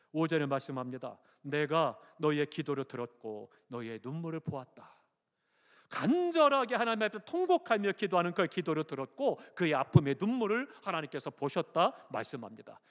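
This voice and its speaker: A male pastor delivers a sermon in a fairly high voice that swings widely in pitch. He surges to loud, urgent emphasis and then drops to soft, low passages. His voice rings out with the long reverb of a church sanctuary. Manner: preaching with sudden loud rises and soft lowered passages.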